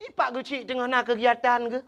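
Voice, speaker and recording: A man's voice: very high-pitched, normal speed, pushed and bright. A man preaching a humorous village sermon with an Acehnese accent, telling stories and acting out villagers' dialogue. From Aceh.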